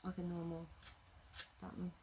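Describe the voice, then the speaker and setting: A woman who owns a craft shop hosts a live sewing demonstration from home, streamed on a tablet, chatting, muttering to herself as she works, and answering viewer comments. Her voice is fairly low and monotone, at a normal speed. The background is noisy.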